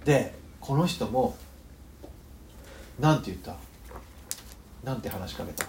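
A man with a northern Kyushu accent preaching a sermon, telling the story with animated, joking asides. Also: mid-range voice, measured pace, a little hiss or hum. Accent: northern Kyushu Japanese. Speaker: pastor.

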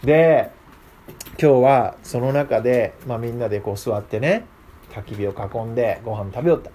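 A man at normal speed and in a mid-range voice teaches a laid-back Bible lesson, engaging the group with frequent questions in a lively manner. Slight background noise can be heard.

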